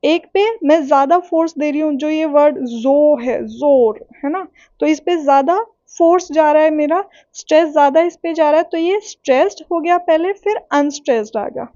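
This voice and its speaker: High-voiced woman teaching literature. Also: mellow, no room sound, highs cut off. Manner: patient, repeats points with "ठीक है" and "okay"; reads English definitions slowly. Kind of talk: explaining lesson in Hindi-English mix.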